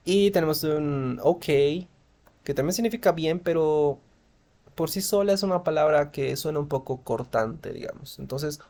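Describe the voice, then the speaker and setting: A man's voice: on the high side, gravelly, darkish tone. A man giving a language lesson, patiently modelling English phrases with acted intonation. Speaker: English teacher.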